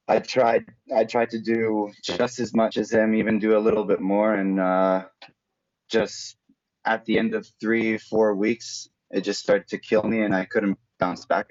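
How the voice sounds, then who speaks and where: A man from Slovakia, a native Slovak speaker, chats casually in an interview about his path from professional road cyclist to mountain bike racer, searching for words as he goes. His voice is on the low side and a little mellow, and the audio is dull and lo-fi.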